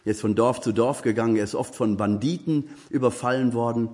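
Husky German-speaking preacher, earnestly exhorting. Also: male voice, a little fast, darkish tone. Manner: earnest, exhorting, rising in pitch when urging listeners. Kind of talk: sermon.

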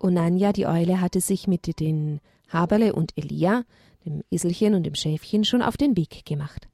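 A woman slowly reading a children's story aloud, giving the animal characters gentle, lilting voices. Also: fairly low pitch, gravelly, dry recording, clean studio sound.

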